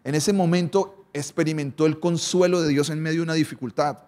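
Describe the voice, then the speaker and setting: A pastor preaching a sermon. His voice sits a little high for a man. He moves between quick runs and slow, weighty lines, often stopping on a rhetorical question. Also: fairly even intonation, a little mellow. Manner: preaching, varied emphasis and pace, rhetorical questions.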